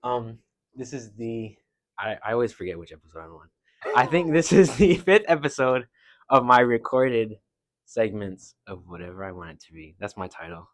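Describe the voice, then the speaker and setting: A man's voice: mid-range voice, expressive, normal speed, no room sound. A young man hosting a casual interview, chatty and hesitant, stumbling over his questions. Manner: hesitant, chatty, lots of fillers. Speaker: host, interviewer.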